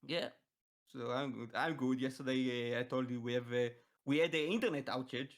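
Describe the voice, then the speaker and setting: In his casual podcast, the young Israeli host, whose native language is Hebrew, keeps halting and starting over in his Israeli-accented speech. His mid-range voice holds fairly even intonation.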